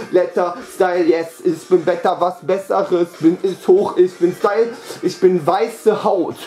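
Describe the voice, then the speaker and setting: A man with a high, mellow voice chants a loose, boastful freestyle rap. He circles back to the same catchphrases over and over in a rambling flow. The sound is roomy and echoey, with a faint beat underneath. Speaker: amateur rapper. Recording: echoey room with faint music.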